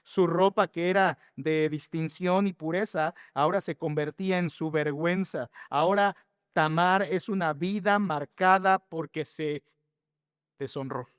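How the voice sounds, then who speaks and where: A man's voice: on the high side, measured pace, smooth, no echo, studio quality, long reverb tail. A man preaching an expository sermon to his congregation as pastor, earnest and emphatic, often asking rhetorical questions and speaking straight to his listeners. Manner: addresses the congregation directly. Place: church sanctuary.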